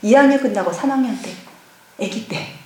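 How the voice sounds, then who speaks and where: A middle-aged woman, a pastor's wife, giving a lively personal testimony at a church seminar and acting out past conversations. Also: on the high side, normal speed, slight background noise. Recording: echoey church hall.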